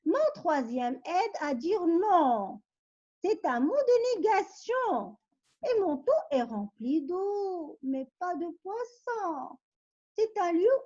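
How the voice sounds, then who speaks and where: A woman's voice: extremely high pitch, a little mellow, lo-fi sound. A woman teacher reading word riddles to her pupils, patiently coaxing them with questions and hints. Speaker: primary school teacher.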